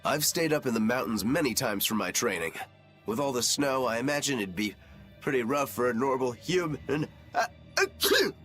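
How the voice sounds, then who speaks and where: A man's voice: mid-range voice, big pitch swings, moderate pace, fairly bright tone, faint music behind. An easygoing demon swordsman. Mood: casual. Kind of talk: game voice acting.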